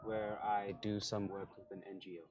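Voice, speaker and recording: South african guy, ngo worker, lowish voice, steady, noisy background. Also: moderate pace, highs cut off. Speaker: panel guest, NGO worker. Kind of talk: panel discussion.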